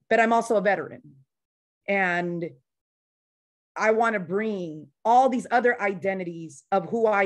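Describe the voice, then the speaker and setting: This veteran organizer has a fairly low-pitched voice and a slight Spanish-influenced accent. In a laid-back online panel, she speaks bluntly and with real passion.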